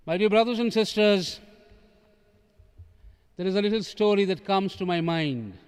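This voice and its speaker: A man, a priest reading the gospel and preaching in a measured, solemn way, his voice echoing through a large basilica. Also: sits high, clean tone. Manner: slow, measured, solemn delivery. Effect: cathedral echo. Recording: long reverb from the church hall.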